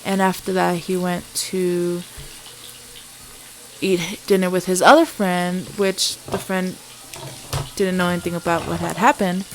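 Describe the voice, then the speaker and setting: A woman's voice: lowish voice, level tone, a little slow, rough recording. A woman vlogger telling a true-crime story in a casual, conversational way while cooking. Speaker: vlogger and host. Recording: sizzling food, clear background noise.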